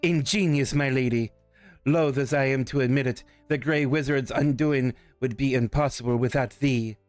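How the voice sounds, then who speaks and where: A man's voice: mid-range voice, fairly even intonation, moderate pace, no room sound, faint music behind, lightly acted. Man voicing a solemn, noble lady knight, dry sound. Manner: formal, archaic, solemn. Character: noble, haughty female knight Brunhilde, archaic and loyal. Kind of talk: fantasy romance role-play.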